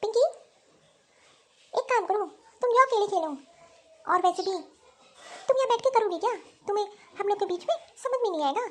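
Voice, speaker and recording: A woman voicing a snobbish, spoiled teenage girl who talks in a mocking, dismissive way, for an animated story. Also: very high-pitched, fairly quick, long pauses. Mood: scornful.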